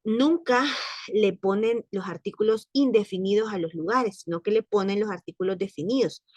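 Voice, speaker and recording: A woman's voice: mid-range voice, a little mellow, no echo. Woman French teacher, patient and repetitive, dry recording. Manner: explains patiently, repeats phrases, slows for examples. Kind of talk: online language class.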